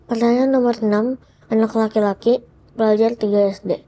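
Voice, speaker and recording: A woman reading children's questions aloud in an even, plain way. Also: on the high side, normal speed, slight background noise. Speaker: reader of viewer questions.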